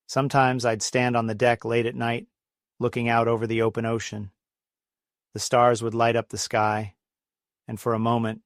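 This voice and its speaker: A man's voice: medium pitch, no echo, clean studio sound. A middle-aged man telling scripted stories and corny dad jokes as a comedy host.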